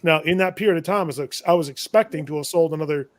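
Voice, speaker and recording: A man's voice: on the high side, quick pace, no room sound. A man who sells tools to shops, telling a long business story in a casual, rambling way, often correcting himself and chuckling at his own trouble. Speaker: shop owner and tool vendor. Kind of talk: casual storytelling on a live show.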